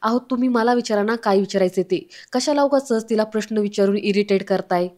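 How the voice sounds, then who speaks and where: A woman's voice: mid-range voice, a little fast, darkish tone, close to an everyday voice. A woman voicing a cheeky, trendy young woman who speaks breezily with English words mixed in. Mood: breezy, cheeky.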